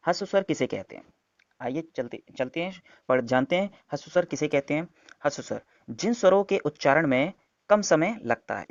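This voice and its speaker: A man's voice: fairly high pitch, no room sound. A man giving an online exam-prep lesson, explaining step by step and answering his own questions. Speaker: teacher. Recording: dull, dry lo-fi sound.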